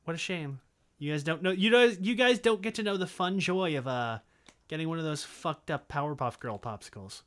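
A man's voice: fairly high pitch, lively intonation, normal speed, fairly bright tone. A man co-hosting a podcast in casual chat, sarcastic and ranting, swearing freely. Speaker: podcast co-host.

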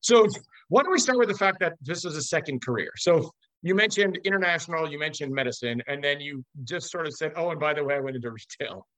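A man's voice: fairly high pitch, expressive, fast talker, a bit bright, no echo, poor audio. An American man from Los Angeles hosting a casual interview, talking in an expansive, emphatic way. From Los Angeles, USA. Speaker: interview host.

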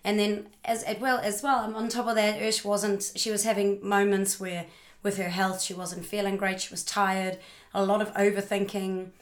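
A woman's voice: mid-range voice, level tone, moderate pace, echoey room. A woman co-hosting a podcast in casual chat, supportive and chiming in to finish her partner's sentences. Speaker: podcast co-host.

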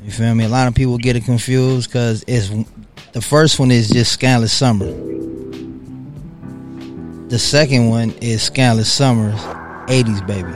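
A man's voice: mid-range voice, fairly even intonation, normal speed, pauses often. A man from California, a guest rapper in casual interview chat, talking laid-back and slangy, often asking "you feel me". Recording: music playing behind. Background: music.

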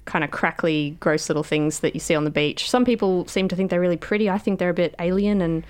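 A woman's voice: fairly low pitch, fast talker. Curious woman hosting a radio science show. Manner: curious, inquisitive. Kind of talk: casual live radio chat. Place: radio studio.

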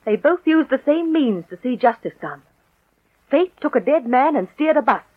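An actress playing a detective's spirited female companion in an old-time radio drama, expressive and articulate. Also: high voice, moderate pace. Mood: curious, reflective. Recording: dull old radio recording.

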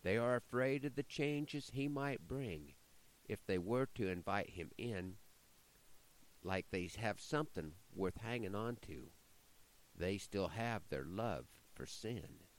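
A man voicing Satan as a scheming boss of demons in a recited poem, with a slow drawl. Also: on the low side, expressive, rough recording. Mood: hot, menacing. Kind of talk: recited cowboy-style poem.

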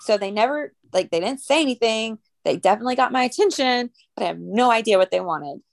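Gravelly-voiced woman telling a chatty story. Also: on the high side, animated, fast, dry recording. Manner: chatty storytelling with fillers and laughs. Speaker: podcast co-host. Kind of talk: casual chat.

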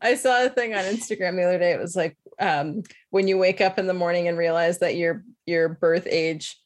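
A woman in her twenties from Ontario, her voice sitting a touch low, chats casually and tells short anecdotes. She speaks with animated energy and often laughs at herself. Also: a little fast. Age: 20s. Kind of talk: casual chat.

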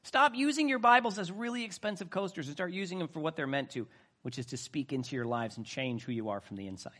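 A middle-aged man preaching a sermon, swinging between soft, earnest talk and loud bursts. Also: on the high side, fast talker. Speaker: pastor.

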